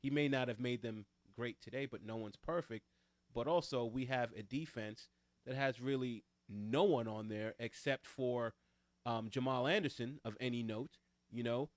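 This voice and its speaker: A man with a Long Island accent talks sports in an emphatic, opinionated way. His voice sits at a middle pitch. The sound is close and dry, with no room around it. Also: normal speed, dry recording. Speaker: podcast co-host. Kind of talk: casual sports chat.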